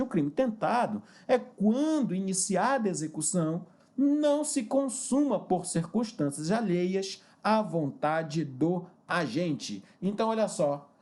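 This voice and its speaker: A man teaching a recorded law lesson, lively and engaging, stretching key terms slowly and constantly checking in with the viewer. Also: high-pitched.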